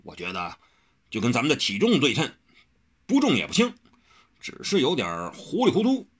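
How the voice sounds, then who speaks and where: A man voicing a big, dim-witted but good-natured brawler who talks in a slow, dopey, easygoing way. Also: medium pitch, huge pitch swings, husky, voice pushed up.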